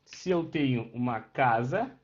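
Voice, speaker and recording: A man with a medium-pitched, expressive voice teaches a live online class at a measured pace, patiently checking in with his students as he explains. It's captured on a webcam microphone, giving dull, lo-fi online class audio.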